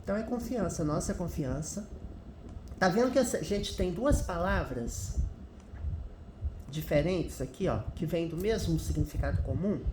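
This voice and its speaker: A woman's voice: lowish voice, expressive, moderate pace, a little mellow, slight background noise. A woman, an English teacher patiently explaining a news article word by word. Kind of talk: commented reading of a news article. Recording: echoey room.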